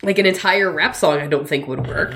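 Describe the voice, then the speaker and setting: A woman's voice: low-pitched, fairly quick, gravelly, a bit bright, slight background noise. A woman in her thirties co-hosting a podcast, chatting casually with lots of fillers and frequent laughter. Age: 30s. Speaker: podcast co-host. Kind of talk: casual chat.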